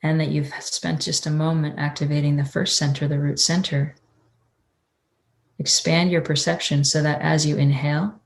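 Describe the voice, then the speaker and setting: A woman teaching a guided breathing meditation in a soothing, unhurried, mystical healer's tone. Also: low-pitched. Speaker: energy-healing teacher.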